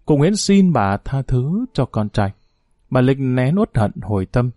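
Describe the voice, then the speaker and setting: A man narrating an audiobook story in a steady storytelling reading. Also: medium pitch, unhurried, no room sound, clean studio sound.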